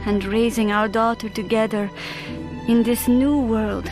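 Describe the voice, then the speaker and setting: A woman's voice: a little high, fairly even intonation, a little slow, music in the background, lightly acted. A woman playing a loving, proud young Soviet wife and new mother, reading a letter with aching tenderness in a war game. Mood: tender, loving.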